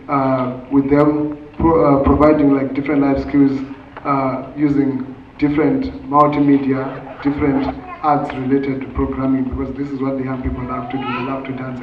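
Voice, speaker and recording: Young man, dance educator, halting soft-spoken talk with fillers, echoey hall, faint noise. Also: mid-range voice, distant mic, phone-quality sound. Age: young adult. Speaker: dance educator presenting his work. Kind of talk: short talk to an audience.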